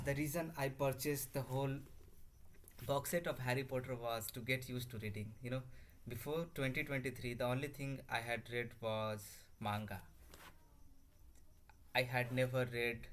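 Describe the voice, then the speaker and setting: Speaking off the cuff to his laptop camera, a young language-learner vlogger from Bihar, whose native tongue is Hindi or Bhojpuri, fills his talk with fillers and restarts. His voice is medium-pitched and fairly bright, with slight hiss or hum and faint background ambience through the laptop microphone.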